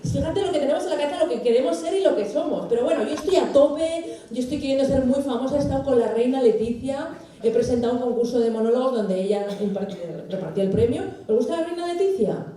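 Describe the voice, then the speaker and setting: A woman's voice: high voice, fast talker, dark tone. A woman comedian doing a chatty stand-up monologue, acting out conversations with different voices. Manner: chatty, acts out dialogue with voices. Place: stage in a theater. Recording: echoey hall mic from far off.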